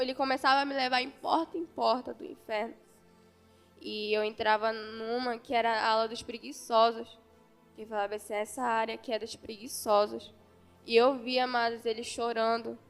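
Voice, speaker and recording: A woman's voice: sits high, long reverb tail. A woman from Brazil with an Amazonas accent, earnestly telling her vision to a church congregation and quoting the dialogue. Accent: Amazonas Brazilian Portuguese. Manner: earnest storytelling, quoting the angel and herself in dialogue. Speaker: church member giving testimony. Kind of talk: testimony of a vision in a church service.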